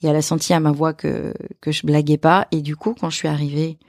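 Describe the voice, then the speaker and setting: A woman, an actress and author, telling a personal story as a podcast guest, halting and repeating her phrases. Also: sits low, flat delivery, gravelly, a little mellow, no echo, clean studio sound.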